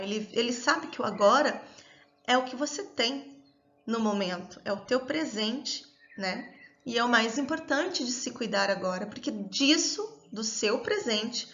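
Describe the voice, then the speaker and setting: A woman giving a calm, explanatory self-development lesson, often checking in with a questioning tag. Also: on the high side, muffled recording. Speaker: course teacher.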